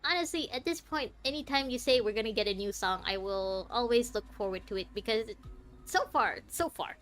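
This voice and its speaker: A young woman streaming a game, chatting to viewers with lots of laughter and excited reactions. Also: a little high, a little fast, soft background music. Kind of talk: live gameplay commentary.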